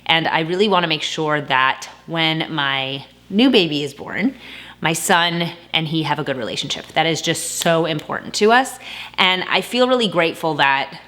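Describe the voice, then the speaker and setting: A woman in her thirties talks casually to her viewers in an upbeat, chatty way, slightly out of breath. Her voice sits low but sounds bright and forward, and she keeps the tone easy and friendly. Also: animated, moderate pace. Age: 30s. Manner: chatty, upbeat, frequent laughs. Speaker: vlogger. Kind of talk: casual chat to camera.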